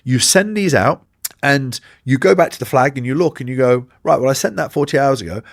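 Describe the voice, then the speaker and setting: A man coaching fitness coaches, talking straight to the listener in a direct, energetic way and acting out sample direct messages in quick asides. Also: mid-range voice, vocal fry, no echo, studio quality. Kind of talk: instructional talk to camera.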